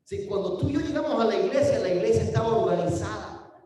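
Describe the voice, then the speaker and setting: High-voiced Mexican pastor in echoey church. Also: male voice, lively intonation, fast talker, warm tone. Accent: Mexican Spanish. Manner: conversational, often asks the congregation questions. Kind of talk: sermon. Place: church sanctuary. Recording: very echoey hall from far off.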